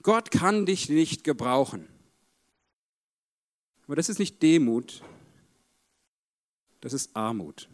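High-voiced male preacher, emphatic. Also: big pitch swings, slow, pauses often. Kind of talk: sermon.

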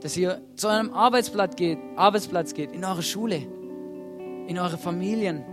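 Soft guitar accompanies a man preaching on a church stage at normal speed in a high voice. Earnest and insistent, he puts questions to the congregation and repeatedly kicks off with "hey."

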